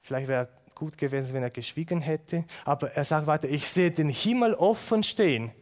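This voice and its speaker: A man delivers a sermon with earnest conviction. His voice sits a little high for a man. He swings from loud, pressing emphasis down to hushed, intense asides. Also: expressive, brisk. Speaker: preacher.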